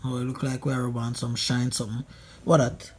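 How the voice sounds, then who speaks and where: A man's voice: mid-range voice, level tone, brisk, a little mellow, slightly rough. A man with a Jamaican accent giving casual, humorous commentary, using Patois slang and repeating phrases for emphasis. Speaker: friend doing a makeup voice-over.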